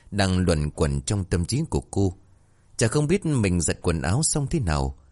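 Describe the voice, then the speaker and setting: A man narrating a dramatic ghost story in an expressive storytelling style. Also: low-pitched.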